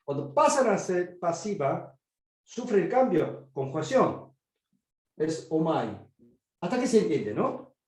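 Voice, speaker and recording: In this online lecture, a biblical Greek teacher with a Korean accent explains grammar in Spanish, a language he learned later, checking in often with "¿sí?". His voice sits on the high side with big swings in pitch, slightly mellow, and he takes his time. The room has an echo.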